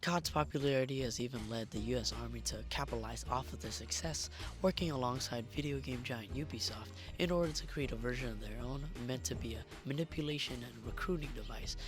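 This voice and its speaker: A man reading a scripted video essay in a hoarse, strained voice that is giving out as he narrates. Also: medium pitch. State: hoarse, losing his voice. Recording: music behind the voice. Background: background music.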